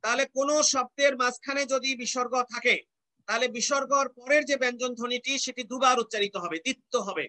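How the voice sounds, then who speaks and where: A man from Bangladesh teaching an online class, patiently explaining and repeating example words slowly, often asking rhetorical questions. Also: very high-pitched, bright, forceful tone.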